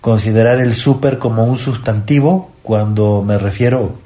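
Measured Mexican man explaining rules. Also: on the low side, mellow. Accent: Mexican Spanish. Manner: measured, didactic, spells out rules step by step. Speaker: language expert on a radio segment. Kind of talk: explanatory radio chat.

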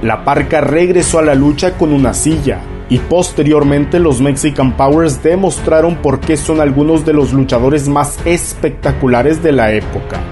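A man's voice: fairly high pitch, moderate pace, hardly any pauses. Male lucha libre narrator over music. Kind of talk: scripted narration recounting wrestling matches. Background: background music.

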